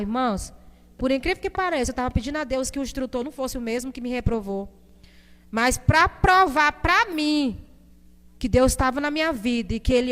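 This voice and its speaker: A woman's voice: high-pitched, long reverb tail. A middle-aged Brazilian woman giving an emotional testimony to a church congregation, speaking straight to the brothers and sisters. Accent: Brazilian Portuguese. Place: church hall.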